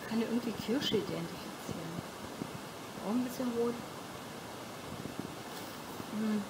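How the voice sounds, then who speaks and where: Woman vlogger talking while chewing. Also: a little high. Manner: slow, plain-spoken, hesitant. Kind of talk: casual taste-test vlog. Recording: noticeable background noise.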